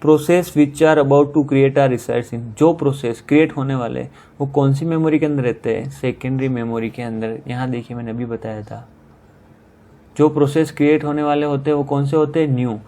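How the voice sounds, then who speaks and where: Male tutor, mellow relaxed tone, methodical exam-prep explainer. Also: medium pitch. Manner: explains step by step, asks and answers own questions; reads English questions slowly, explains in Hindi. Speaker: teacher. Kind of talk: online exam-prep lesson.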